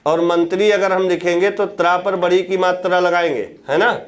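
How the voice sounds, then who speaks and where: A man with a fairly high voice lectures a classroom of students. He throws out questions, supplies the answers himself and says each key word again so it sticks. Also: steady tone, normal speed. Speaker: Hindi exam teacher.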